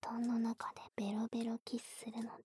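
A woman in a whispered role-play of intimate pillow talk, very breathy and soft, teasing and coaxing with touches of baby talk. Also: a little high, completely flat delivery, quick pace, noisy background.

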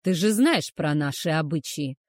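A woman voicing a cruel, brooding male werewolf hunter who speaks harshly and loudly. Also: low voice, expressive, normal speed, no echo, clean studio sound. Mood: menacing. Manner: harsh, menacing, loud.

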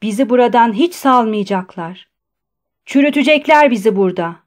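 A woman voicing a shouting, furious inmate. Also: very high-pitched, expressive, normal speed. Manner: shouting, indignant. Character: furious male asylum inmate, defiant and shouting.

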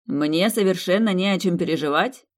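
A man's voice: sits high, moderate pace, voice pushed up, close to an everyday voice. A narrator voicing a young man, a hurt fiancé who teases with bitter irony but forgives. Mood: wounded, indignant. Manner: mocking, wryly ironic.

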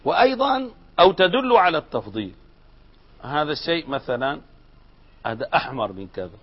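Lively man teaching grammar. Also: on the high side, dull audio. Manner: lively explaining, asks students questions. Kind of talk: classroom grammar lesson.

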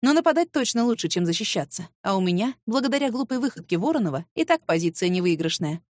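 A woman narrating a first-person audiobook in a lively, sassy, mock-indignant manner. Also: medium pitch, fast, dry recording, studio quality.

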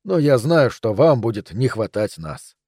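A sharp detective, voiced by a male reader, teases his colleagues in a dry, plain way. The tone is mellow, and the sound is close and dry. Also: mid-range voice, big pitch swings, measured pace, breathy edge, no echo, heavily acted. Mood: teasing. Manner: dry teasing. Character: male detective, sharp, teasing, young adult.

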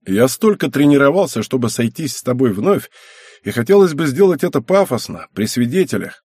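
A man's voice: mid-range voice, sing-song, brisk, darkish tone, slightly rough, dry recording, voice pushed up. A man voicing a cocky, boastful teenage boy rival in an audiobook.

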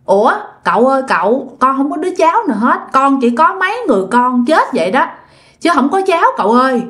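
A woman's voice: high-pitched, very animated, quick pace, fairly bright tone. A woman voicing a frightened teenage girl pleading with a spirit.

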